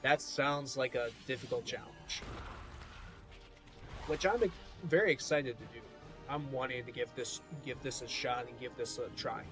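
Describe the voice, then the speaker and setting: A man gives casual game commentary in a medium-pitched voice. He rambles and repeats himself as he explains, with faint music in the background. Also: normal speed. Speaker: gaming video host.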